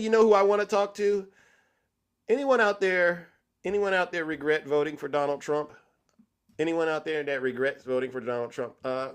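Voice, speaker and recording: A middle-aged man hosting a live stream, loud and hyped, calling out to his chat from behind a desk microphone. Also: a little high, clear, resonant tone. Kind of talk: casual live stream talk. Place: indoor room, seen on video. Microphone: desk microphone in front.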